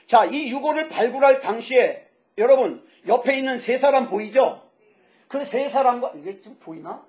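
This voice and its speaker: A pastor in his fifties preaching a sermon, lively and joking, asking the audience questions. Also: extremely high pitch, moderate pace. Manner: lively, asks the audience questions, jokes about himself. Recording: dull lo-fi sound.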